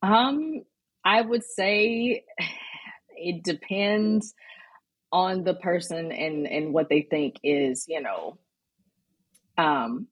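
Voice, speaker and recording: A woman from Alabama talks as a podcast guest in a low, husky voice. She answers thoughtfully with hesitant pauses, and the sound is dry and close. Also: no room sound. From Alabama, US South. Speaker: guest performer. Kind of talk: casual interview chat.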